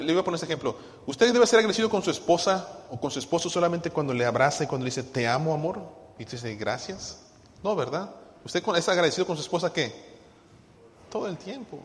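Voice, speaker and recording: A man's voice: fairly high pitch, fairly bright tone. Preaching man with a raised voice in an echoing hall. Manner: preaching with questions to the congregation, sings hymn lines. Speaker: pastor. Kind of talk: sermon.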